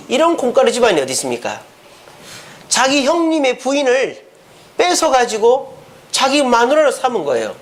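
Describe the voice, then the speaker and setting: A middle-aged male pastor preaching a lively storytelling sermon, often asking the congregation questions. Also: high-pitched.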